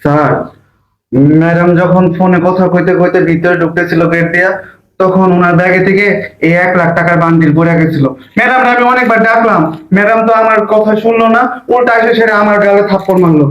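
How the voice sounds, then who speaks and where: Brief: man playing a deferential servant boy, quick and high. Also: a bit bright, echoey room, dull audio. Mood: pleading. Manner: pleading, deferential. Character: timid young male doorman's boy. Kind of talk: short comedy drama acting.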